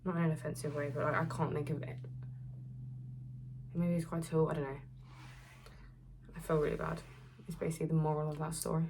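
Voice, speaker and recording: A woman's voice: low-pitched, little pitch movement, fairly quick, gravelly, long pauses, darkish tone, a little hiss or hum. A nineteen-year-old woman rambling through a casual storytime while doing her beauty routine, with lots of "like.". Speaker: influencer.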